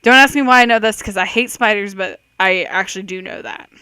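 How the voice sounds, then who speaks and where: A woman's voice: medium pitch, a little fast, bright, forceful tone, clear, resonant tone, no room sound, poor audio. A woman giving casual, chatty commentary on a quiz game, reading questions aloud and reacting with self-doubting thoughts. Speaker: host of a let's-play quiz video.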